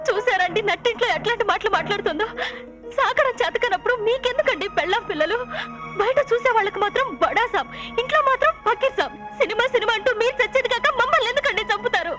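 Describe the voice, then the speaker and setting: A woman in a film melodrama, her very high voice firing off shrill, sarcastic reproaches at speed. Loud music runs beneath her. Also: animated, quick pace. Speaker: actor playing a bitter wife.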